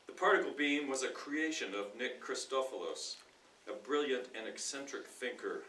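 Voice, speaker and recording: A man giving a deliberate, emphatic reading of nonfiction to a live audience, pausing between short phrases. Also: medium pitch, animated, bright, forceful tone. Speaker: speaker in a dramatic reading contest. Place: indoor room at a speaking club meeting. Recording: roomy, distant mic with faint noise.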